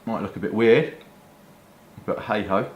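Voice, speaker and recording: A low-voiced British man speaks a little slowly in a roomy space, and the recording sounds muffled, with echo and faint background noise. He's a pipe-smoking vlogger chatting to camera about pipes and tobacco, rambling colloquially with mild swearing.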